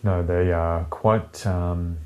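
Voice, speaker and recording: Deep-voiced sardonic man. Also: fairly even intonation, slow pace, warm tone. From Britain. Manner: sardonic, swears freely. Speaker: podcast co-host. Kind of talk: casual chat.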